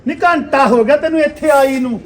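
Guy doing a bossy punjabi sas, squeaky high voice, sharp tongue, nags nonstop. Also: brisk, background noise. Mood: scolding. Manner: scolding, sharp-tongued, cursing. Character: bossy nagging old mother-in-law, a woman. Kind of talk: rural comedy skit acting.

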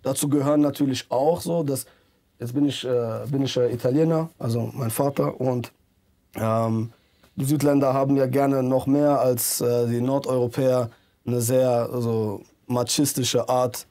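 A man in his thirties talks earnestly in a music studio interview, rambling through fillers and restarts. His voice is mellow and dark, and he speaks into a handheld mic held out to him. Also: mid-range voice, fairly even intonation, moderate pace. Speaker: rapper, interview guest. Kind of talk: casual interview talk.

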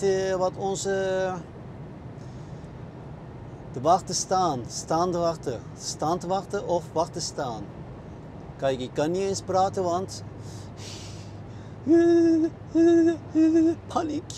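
A man's voice: a little high, background noise. A man driving a truck, talking casually to his viewers while he figures out his route, with many hesitations and fillers. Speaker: truck driver vlogger. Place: truck cab.

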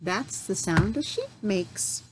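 A middle-aged woman teacher leads a lesson for young children, asking simple questions, pausing for their answers and encouraging them. Her mid-range voice swings widely in pitch, and there is background noise.

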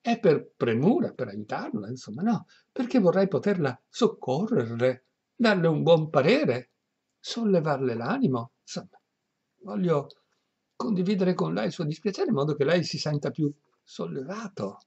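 A man's voice: fairly high pitch, very animated, moderate pace, gravelly, darkish tone, slightly rough, pitched above the performer's own voice, full character voice. A man voicing a wheedling middle-aged housekeeper, coaxing with feigned tender concern, in a dull lo-fi recording.

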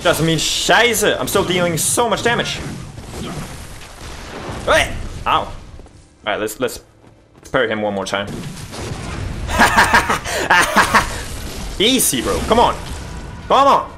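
A young man commenting on a video game he is playing, excitable and jokey, swinging between yelps and mutters. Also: a little high, moderate pace, over loud music. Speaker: gaming YouTuber. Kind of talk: let's play commentary.

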